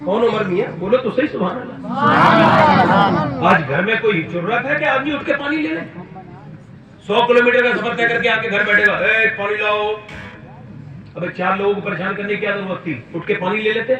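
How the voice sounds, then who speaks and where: A man preaching a sermon, shifting between quiet storytelling and loud impassioned shouting, and sometimes scolding his listeners. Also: high-pitched, noisy background. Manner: swings from soft storytelling to shouted climaxes; scolds the audience directly. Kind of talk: impassioned religious speech. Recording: echoey hall, voice from far off, faint ambience.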